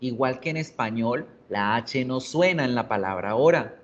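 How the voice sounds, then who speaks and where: A man's voice: mid-range voice, expressive, normal speed, dull audio. A male English teacher explaining in a video lesson, patiently repeating words to drill pronunciation.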